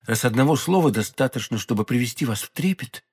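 A man's voice: mid-range voice, expressive, brisk, darkish tone, husky. A man voicing an ardent, insistent young musketeer in an audiobook. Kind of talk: audiobook character voice.

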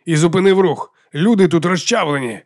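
A man voicing a frantic father who shouts urgent commands over a radio. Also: a little high, expressive, normal speed, voice pushed up. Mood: urgent shouting.

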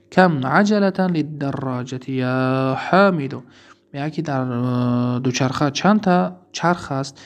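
A fairly high, slightly mellow male voice with a Tajik accent delivers a recorded Arabic grammar lesson, slowly reading examples and then rapidly explaining them.

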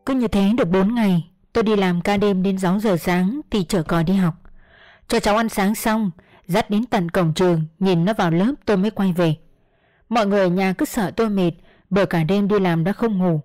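A woman's voice: mid-range voice, fairly quick, no room sound. Woman narrating an audiobook, dry sound. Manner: steady, storytelling. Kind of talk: first-person audiobook narration. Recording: dry close mic, faint music.

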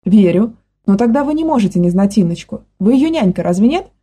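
A woman's voice: medium pitch, animated, a little fast, mellow, breathy edge. Woman reading as a firm, persistent young woman. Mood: pressing. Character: determined young woman questioning a stranger.

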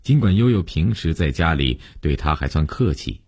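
A man narrates a serialized story in a steady, measured voice. His voice sits extremely low with a husky grain. The recording is dry and close. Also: no echo.

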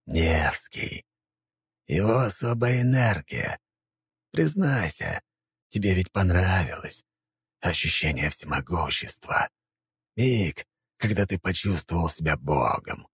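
A man's voice: deep voice, animated, slow, breathy edge, dry recording, exaggerated voice. A man voicing a sly, oily male puppet-master spirit that speaks through a prisoner, mocking and gloating.

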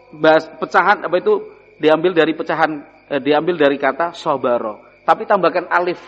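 A man's voice: on the high side, fairly bright tone. A man teaching an Islamic study lesson, explaining Arabic words and asking his listeners questions. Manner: explains Arabic terms, asks the audience questions; sprinkles in Javanese. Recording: dull recording in a hall.

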